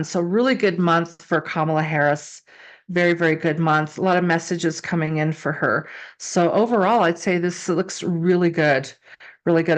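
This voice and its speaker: A woman giving a casual, improvised tarot reading, speaking conversationally and repeating phrases for emphasis. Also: lowish voice. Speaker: tarot card reader and psychic.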